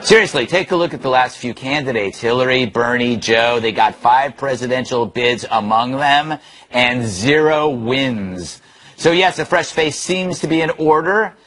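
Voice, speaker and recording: A man's voice: medium pitch, unhurried, a bit bright. A man hosting a comic panel talk show in a studio, sardonic and joking. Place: television studio.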